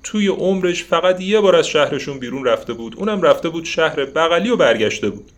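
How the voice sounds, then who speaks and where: A man's voice: on the high side, expressive. A man narrating a children's story expressively, with asides to the listeners.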